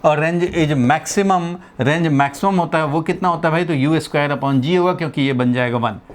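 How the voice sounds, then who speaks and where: At a moderate pace and with a somewhat high voice, a physics teacher from India explains his lesson one step at a time. He repeats the key points and keeps checking in with his students during the lecture.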